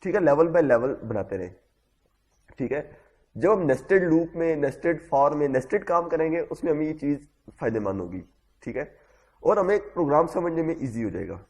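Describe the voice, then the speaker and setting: A programming instructor, a man with a slightly high, animated and somewhat mellow voice, gives a classroom coding lecture. He walks through the material step by step and says "theek hai," meaning "okay," after almost every phrase.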